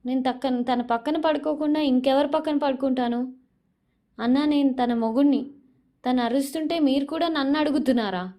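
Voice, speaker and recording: A woman's voice: sits high, moderate pace, pitched above the performer's own voice, lightly acted. A woman playing a stubborn, aggrieved young husband. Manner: loud, pleading, keeps arguing back.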